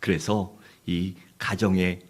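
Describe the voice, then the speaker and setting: A pastor preaching a sermon in church, telling a story with lively storytelling. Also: male voice, low voice, slow. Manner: animated storyteller, acts out characters.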